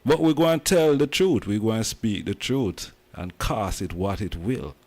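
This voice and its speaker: Jamaican male host, deep register, emphatic patois talk. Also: lively intonation, moderate pace, darkish tone. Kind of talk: casual commentary.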